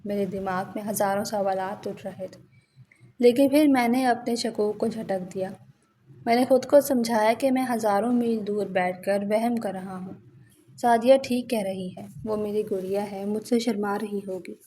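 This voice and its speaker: A woman's voice: mid-range voice, steady tone, mellow, slight background noise. A woman giving an earnest, emotional scripted narration of a first-person moral story.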